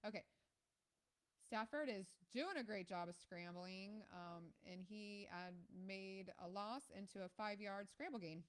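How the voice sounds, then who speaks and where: A woman from Ohio hosting a live stream, chatting casually about football and reacting to plays with lots of ums and excited outbursts. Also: medium pitch, measured pace, smooth. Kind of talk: casual live game commentary.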